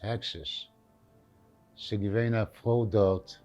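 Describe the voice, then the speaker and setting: An old man with a Yiddish accent recalls his life at a slow pace in a lowish voice. He is plain-spoken, repeating short phrases and slipping Yiddish words into his answers. Faint music runs behind him. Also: fairly even intonation, a little mellow, dull audio. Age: elderly. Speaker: Holocaust survivor giving testimony. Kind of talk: reminiscing in an interview.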